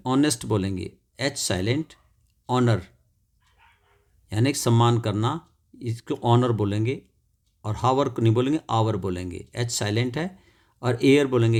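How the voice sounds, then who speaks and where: A man's voice: medium pitch, vocal fry, a little mellow. A man teaching an English lesson, spelling words out letter by letter and checking in with students after each point. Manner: repeats words and adds "theek hai" checks. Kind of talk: classroom lesson explanation.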